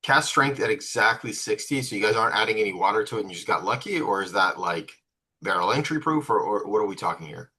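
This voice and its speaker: A man hosting a tasting, asking curious questions with halting restarts. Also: lowish voice, lively intonation, pushed and bright, slightly rough, rough recording. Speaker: tasting host. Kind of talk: casual tasting talk.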